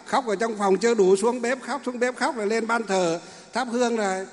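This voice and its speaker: A man preaches to a large lay audience. He speaks as a monk teacher, folksy and animated, always asking the crowd rhetorical questions. His voice rings out with the long reverb of a large hall. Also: very high-pitched, normal speed. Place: large hall with hundreds of listeners.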